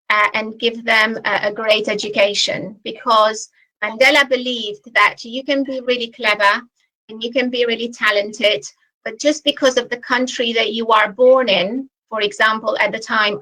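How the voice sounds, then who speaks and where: A woman in her forties from Albania, a native Albanian speaker, tells her story over a remote video call. Her voice sits a little high and rings bright and forceful. She sounds earnest and reflective, like a chief executive talking to students. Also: low-quality recording. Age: 40s. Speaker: chief executive giving a guest talk. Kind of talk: personal keynote talk to students.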